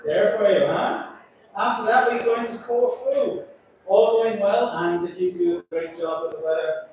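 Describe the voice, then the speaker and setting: An Irish cruise ship captain with a high voice gives passengers a chatty announcement full of jokes and self-deprecating humor. He's in a large, echoey atrium aboard the ship, recorded from far off with crowd noise, and the sound is lo-fi.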